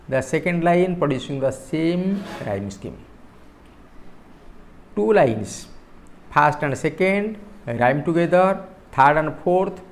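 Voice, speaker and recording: Odia-accented man teaching a poetry lesson. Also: fairly high pitch. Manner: slow, deliberate explanations with repeated words; switches between English and Odia. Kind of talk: classroom lecture on poetry.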